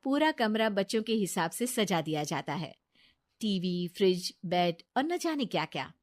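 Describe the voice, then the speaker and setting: A woman narrating a cartoon story in a plain, even way. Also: mid-range voice, normal speed.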